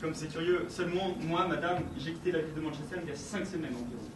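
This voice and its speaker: A man's voice: a little high, fast talker, recorded from a distance, lightly acted. A man acting a stiff, courteous English husband who speaks in a courtly, fussily exact way, in an amateur stage play. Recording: echoey stage from afar, noisy.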